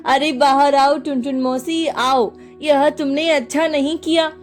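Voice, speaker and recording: A woman's voice: sits high, steady tone, measured pace, soft background music. A woman voicing angry villagers who scold and accuse.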